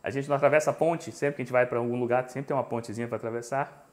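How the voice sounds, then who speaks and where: A man's voice: mid-range voice, rapid-fire. A man in his forties with a Brazilian Portuguese accent, hosting a live cooking stream from his home kitchen and chatting with viewers. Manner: animated storytelling, chatty and joking with viewers. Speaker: cooking show host. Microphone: lapel mic.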